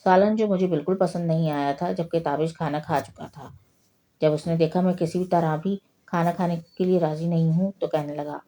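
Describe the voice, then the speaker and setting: Dark-voiced woman narrating a story. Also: on the low side, fairly even intonation. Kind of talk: scripted horror story narration.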